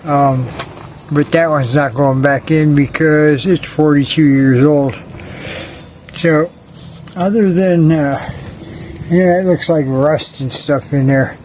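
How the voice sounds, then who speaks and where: A man chatting casually in a DIY vlog about restoring his jeep, relaxed and rambling with many pauses, out in his garage. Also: a little high, a little hiss or hum. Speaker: hobbyist vlogger restoring a jeep. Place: outdoor garage work area.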